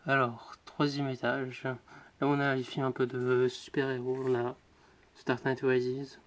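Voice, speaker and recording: A man giving casual running commentary, rattling off titles with quick offhand remarks as he shows his collection. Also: mid-range voice, monotone. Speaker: vlogger showing his DVD collection.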